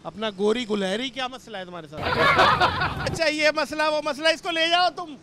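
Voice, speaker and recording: Brief: high-voiced male prank reporter, taunting, loud street traffic behind. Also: fast talker. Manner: rude, mocking, picks fights with passersby. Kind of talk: mock street interview prank. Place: busy city street outdoors.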